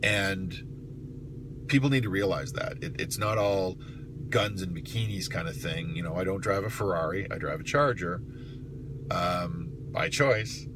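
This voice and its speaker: Deep-voiced man talking over car noise. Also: measured pace. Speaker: private investigator telling of the job. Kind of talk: casual vlog monologue with storytelling. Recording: clear steady car noise.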